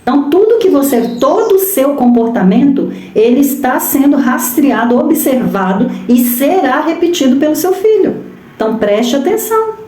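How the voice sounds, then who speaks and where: A woman's voice: sits high, sing-song, normal speed, warm tone. Brazilian woman, women's ministry speaker; emphatic sermon delivery, rhetorical questions, roomy echo. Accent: Brazilian Portuguese. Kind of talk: sermon on marriage and parenting. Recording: echoey room.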